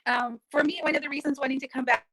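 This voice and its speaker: A panelist poet from the Rio Grande Valley in South Texas speaks earnestly on a video call from a home room, reflecting on leaving home and coming back in a casual panel discussion. Her high-pitched voice is steady and fairly bright, and she talks fast. The sound is clean and studio-like, with no echo.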